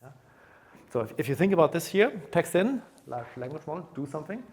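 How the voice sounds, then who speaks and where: A man's voice: a little high, sing-song, fairly quick, a little mellow. A man from Germany giving a conference talk on stage, speaking casually with many fillers and restarts. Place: conference room.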